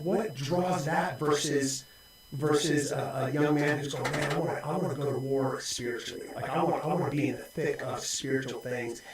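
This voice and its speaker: A man in his forties, a pastor, talking reflectively in casual conversation with many restarts. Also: medium pitch. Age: 40s. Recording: very echoey room.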